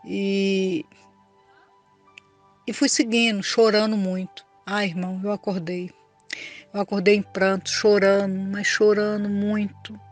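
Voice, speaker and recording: A woman's voice: medium pitch, little pitch movement, a little slow, faint music behind. An older woman giving an earnest, emotional church testimony and speaking to the listener as a brother. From Brazil. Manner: earnest, tearful storytelling, addresses listener as brother.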